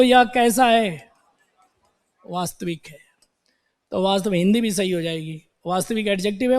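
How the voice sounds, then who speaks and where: A man's voice: sits high, in a large hall. A male teacher giving a classroom grammar lesson. He repeats words in drills and asks and answers his own questions. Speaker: English teacher.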